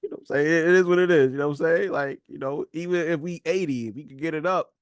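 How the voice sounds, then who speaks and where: A man co-hosting a casual boxing podcast, talking in a laid-back, steady way. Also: a little high, fast, clean tone, no echo, studio quality. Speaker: podcast co-host.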